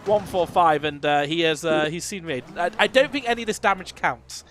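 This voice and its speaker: A man's voice: a little high, fairly quick, fairly bright tone, a little hiss or hum. A man giving chatty live commentary on a sim racing rally, joking with his co-host. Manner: chatty, joking, reads stage details.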